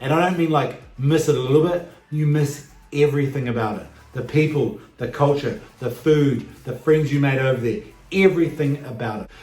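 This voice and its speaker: Here a forties-aged New Zealand expat addresses his channel's viewers head-on, vlog style, with plenty of emphasis. The pitch is medium, the speed normal, and the tone darkish, while the room gives the audio a roomy echo.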